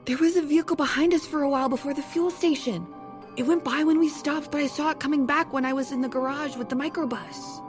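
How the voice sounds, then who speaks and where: A woman's voice: sits high, fast, soft background music, close to an everyday voice. A woman narrating and acting a lead in an audio drama, dry, matter-of-fact and a little exasperated.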